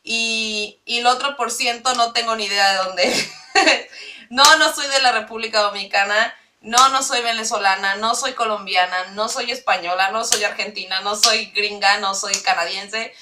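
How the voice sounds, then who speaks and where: A young Mexico City woman, a vlogger, chats casually to camera from her small bedroom, rambling and giggling between fillers. Her accent is a mix of Latin American Spanish on a Mexico City base. Her voice sits a little high with fairly even intonation and a moderate pace, picked up by a distant mic over a noisy background.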